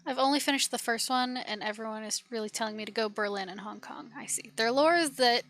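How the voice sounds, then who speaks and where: Bright-voiced young woman streaming a game. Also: on the high side, fast talker. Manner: chatty, reads quest text aloud, giggly asides. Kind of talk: live gameplay commentary and reading game text aloud.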